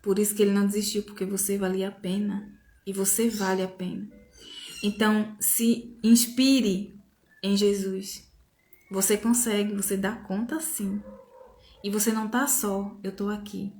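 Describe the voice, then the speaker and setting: A woman voicing God as a gentle, reassuring male voice that speaks softly and slowly. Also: medium pitch, flat delivery, lightly acted. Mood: tender. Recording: roomy echo.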